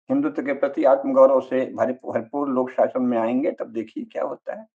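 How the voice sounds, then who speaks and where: A man giving a forceful, argumentative discourse full of rhetorical questions, speaking as the channel's regular speaker. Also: mid-range voice, breathy edge, highs cut off. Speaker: speaker on religion and politics. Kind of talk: forceful lecture-style discourse.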